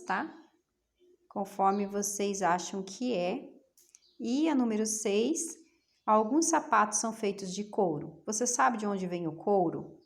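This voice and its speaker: A middle-aged woman teacher from Brazil, patiently explaining homework to young pupils and asking them questions to coax answers. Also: medium pitch. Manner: patient, coaxing, asks rhetorical questions. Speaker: schoolteacher.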